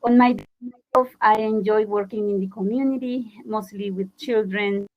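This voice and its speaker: A woman's voice: mid-range voice, fairly even intonation, moderate pace. A woman from Honduras introduces herself as a panelist in a friendly, slightly hesitant way. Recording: dull lo-fi audio.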